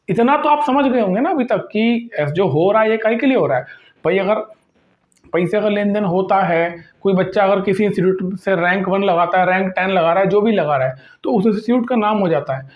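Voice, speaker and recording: A man's voice: high voice, reverberant, muffled recording. A man speaking in as an exam coaching teacher, earnestly lecturing students and asking rhetorical questions. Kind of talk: earnest direct-to-camera talk to students.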